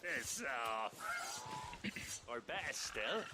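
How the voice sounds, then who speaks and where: A sneering, rough bandit. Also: male voice, medium pitch, very animated, drawn-out words. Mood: taunting. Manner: taunting, crude. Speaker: game character. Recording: game audio with loud noise.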